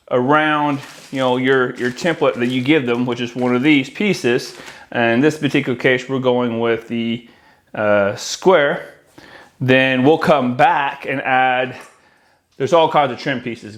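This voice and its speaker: Speaking to the camera from a worktable in a room with a decorated wall, a middle-aged American installer gives a relaxed, explanatory walkthrough of some gear. His pitch is typical for a man, and he keeps things conversational, calling his viewers "guys."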